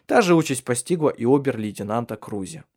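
Male audiobook narrator, measured delivery, animated intonation. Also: mid-range voice. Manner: measured storytelling. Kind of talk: scripted literary narration.

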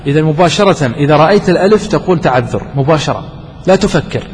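A man's voice: fairly high pitch, animated, quick pace. A man, a sheikh, giving a classroom grammar lesson, quizzing his students and repeating and stressing each point. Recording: echoey hall with faint noise.

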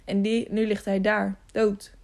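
A woman reading an audiobook voices a calm, caring middle-aged knight who speaks softly and reassuringly. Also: mid-range voice, measured pace, lightly acted.

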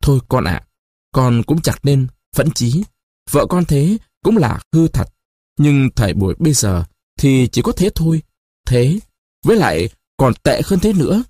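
A man's voice: medium pitch, sing-song, a little slow, mellow, dry recording. A man voicing an elderly grandmother in a story reading, pleading and resigned, with a quavering, tearful way of talking. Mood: consoling.

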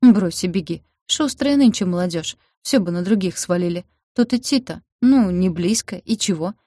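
A woman's voice: lowish voice, a little fast, darkish tone, dry recording, studio quality, natural voice. A woman voicing a weary older village healer who frets, laments and scolds in a folksy way. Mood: indignant.

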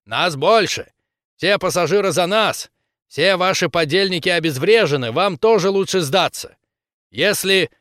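A man voicing a stubborn old soldier who talks in a firm, steady way. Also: high-pitched, unhurried, no echo, clean studio sound, pitched above the performer's own voice. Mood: shouting.

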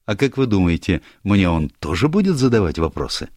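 A man's voice: low-pitched, very animated, a little fast, darkish tone, dry recording, clean studio sound, voice pushed up. Barbara, a mocking young woman, as a man puts her on. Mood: teasing. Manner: teasing, gushing. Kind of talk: audiobook character voice.

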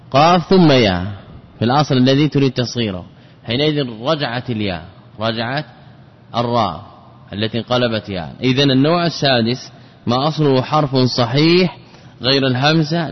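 A man teaching an Arabic grammar lesson, repeating each example word slowly as he explains it. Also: medium pitch, expressive. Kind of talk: classroom lesson. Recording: dull lo-fi recording with long hall reverb.

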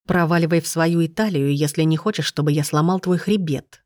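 A woman voicing a defiant young man in a storybook, speaking hoarsely. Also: low voice, a little fast, a little mellow, dry recording, studio quality, close to an everyday voice.

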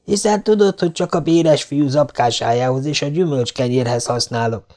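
A man's voice: medium pitch, darkish tone, pitched above the performer's own voice, natural voice. A man voicing a stern, thrifty middle-aged woman who scolds. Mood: exasperated.

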